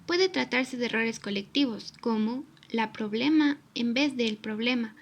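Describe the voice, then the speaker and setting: A woman's voice: a little high, unhurried. A young woman student reading a language tutorial aloud from a script, steadily spelling out examples. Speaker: student presenter. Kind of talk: read-aloud tutorial narration.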